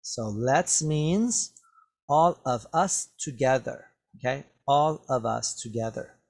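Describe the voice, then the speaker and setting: A man's voice: mid-range voice, animated, slow, gravelly, a little mellow, husky. A man teaching English, reading a story aloud to students and explaining the words, patiently repeating each one several times into a webcam.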